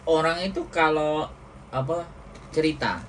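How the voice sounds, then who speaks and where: A woman from Indonesia hosting an interview, talking in an animated, reflective way. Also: deep voice, a little slow. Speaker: host, interviewer. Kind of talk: casual interview chat. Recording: distant mic, faint noise.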